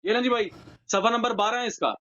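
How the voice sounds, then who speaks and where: A man calling in to a debate over a video call, stubborn and repeating himself as he argues. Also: very high-pitched. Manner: stubborn, keeps repeating "be quiet". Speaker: caller. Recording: dull lo-fi call audio.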